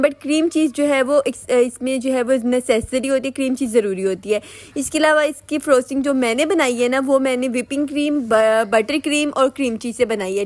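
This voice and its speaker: A woman's voice: sits high, no room sound. A young Pakistani woman with an Urdu accent, a home baker giving a chatty, instructive cooking tutorial voice-over. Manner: chatty, instructive, repeats "ठीक है".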